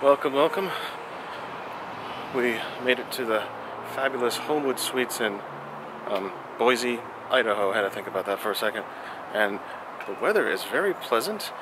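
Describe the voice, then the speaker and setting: A man's voice: medium pitch, lively intonation, moderate pace, long pauses. Chatty man vlogging on a road trip. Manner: chatty, upbeat narration to camera. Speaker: travel vlogger. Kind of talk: casual travel vlog. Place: outdoors in a town, also driving in a car. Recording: street and car noise behind. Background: traffic and outdoor ambience.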